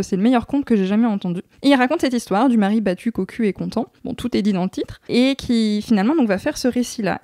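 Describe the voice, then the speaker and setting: Young woman explaining, mellow and dry. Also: medium pitch, no room sound. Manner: thoughtful, frequent hesitations. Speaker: guest researcher. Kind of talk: explanatory interview answers.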